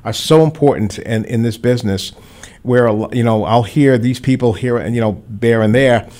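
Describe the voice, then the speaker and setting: A man's voice: medium pitch, normal speed. Middle-aged man, veteran DJ, loose rambling advice, studio mic. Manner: rambling, storytelling with animated quoted voices. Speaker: veteran radio DJ and guest. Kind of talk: casual radio chat giving advice. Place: radio studio.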